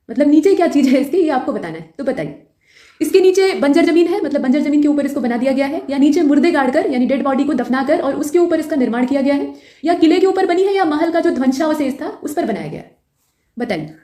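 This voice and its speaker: Pitched high yet dark in tone, this woman's voice leads a quiz lesson with explanations of exam questions. The room echoes noticeably, and her instructional style mixes in English terms, going over points again in both English and Hindi.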